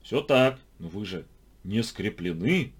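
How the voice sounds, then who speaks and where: A man voicing a pompous, monk-like temple guard in an audiobook, intoning his words slowly and ceremoniously. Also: medium pitch, pitched above the performer's own voice, lightly acted. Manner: slow, sing-song, ceremonious. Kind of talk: audiobook character voice.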